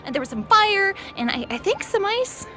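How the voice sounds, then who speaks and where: Cartoon teen heroine: eager, dorky, flustered, high-pitched with lively swings. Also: female voice, normal speed, full character voice. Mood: flustered, panicked. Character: eager, awkward teenage girl weapons enthusiast. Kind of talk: animated series dialogue. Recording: background music behind dialogue.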